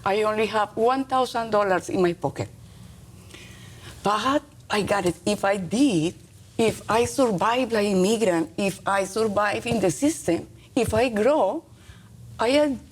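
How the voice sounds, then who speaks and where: A middle-aged woman from Colombia, a native Spanish speaker with a Colombian accent, answering interview questions as a teacher in halting, earnest English with short emphatic phrases. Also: mid-range voice, lively intonation, a little hiss or hum.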